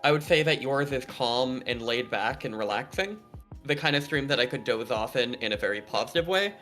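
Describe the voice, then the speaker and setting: A man's voice: medium pitch, expressive, a little fast, a bit bright, soft background music. A man streamer chatting casually with friends, bubbly and laughing often. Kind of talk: casual chat on a group stream.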